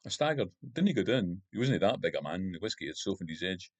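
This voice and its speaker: A man reading his own first-person crime novel aloud in a steady, measured storytelling voice. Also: deep voice, no echo.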